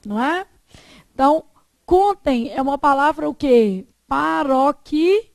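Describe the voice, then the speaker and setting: A woman's voice: sits high, animated, moderate pace, a little mellow, no room sound. A Brazilian woman teaching a Portuguese class, putting questions to her students and answering them herself. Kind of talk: classroom lesson on exam questions.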